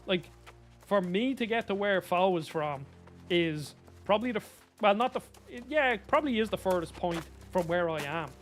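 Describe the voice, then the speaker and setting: A man with a Dublin accent chats over his gameplay in a high, light voice. He rambles and tosses out opinions in a loose, casual way. Faint game music plays underneath. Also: expressive, moderate pace. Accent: Dublin Irish. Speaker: gaming YouTuber.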